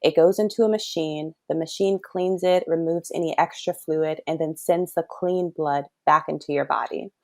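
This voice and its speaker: This guest is a woman in her thirties from the south suburbs of Chicago who works as a children's kidney doctor. In a relaxed interview she talks earnestly and thoughtfully at normal speed, her low, darkish voice steady with few pauses, and she laughs easily.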